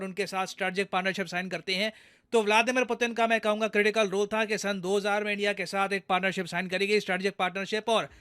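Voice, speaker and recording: A man's voice: sits high, bright, forceful tone, smooth. A young Indian man explaining foreign affairs news, talking straight to his viewers in a conversational way. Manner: conversational, addresses viewers directly.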